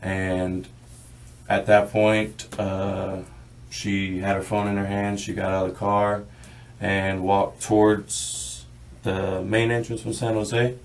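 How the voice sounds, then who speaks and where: A young American man giving a halting account in a police interview, with short answers. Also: fairly low pitch, little pitch movement. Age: young adult. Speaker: suspect being questioned by police. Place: small bare interview room, indoors. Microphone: distant room camera. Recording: distant surveillance microphone in interview room.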